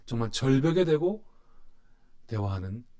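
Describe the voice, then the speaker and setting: A man's voice: medium pitch, very animated, a little slow, mellow. A man teaching a church Bible study, retelling the story expressively and posing rhetorical questions to his class.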